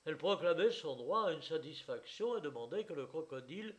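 A man narrating an audiobook in a measured, expressive storytelling manner. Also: on the high side.

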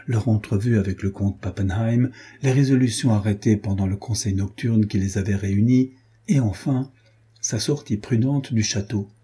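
A man reads an adventure novel aloud in a measured, even manner. His voice is low-pitched, dark and mellow, with a strong breathy huskiness throughout. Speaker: narrator. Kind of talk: audiobook narration.

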